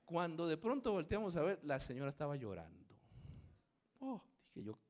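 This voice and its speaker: A man preaching to his congregation through a story. He tells it dramatically, with lively swings in pitch, in a slightly high voice. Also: normal speed. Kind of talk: storytelling sermon.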